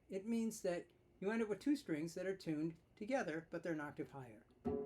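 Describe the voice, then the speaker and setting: A man's voice: on the high side, a little mellow. A man giving a casual hands-on instrument demonstration, chatty and self-mocking, thinking aloud while he tinkers.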